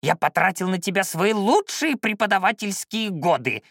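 A creaky old shaman, scrawny and cantankerous, hollering and scolding in a shrill, pitched-up voice. The sound is dry and close. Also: expressive, moderate pace, dry recording, full character voice. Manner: yelling, scolding. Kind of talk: audiobook character voice.

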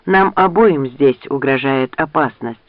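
A man's voice: mid-range voice, a little slow, no room sound, narrow, tinny audio, natural voice. A man voicing a frightened young wife, whispering. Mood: pleading. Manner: whispering, pleading.

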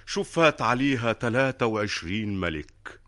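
A man's voice: mid-range voice, animated, normal speed, a bit bright, natural voice. A man playing a solemn, cautious court official devoted to old tradition, ceremonious and deferential, in radio drama style with an Egyptian accent. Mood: deferential, explaining. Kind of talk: theatrical period radio drama acting.

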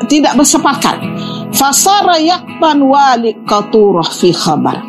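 A woman presenting an academic lecture, reading Arabic passages aloud and explaining them with rhetorical questions. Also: high-pitched. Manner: explanatory, quotes Arabic then glosses it, asks rhetorical questions.

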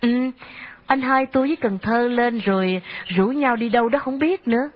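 A woman reading an audiobook, voicing an earnest, worried young woman who asks soft, pleading questions. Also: fairly high pitch, normal speed, voice pushed up, close to an everyday voice. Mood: gentle. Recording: dull lo-fi audio.

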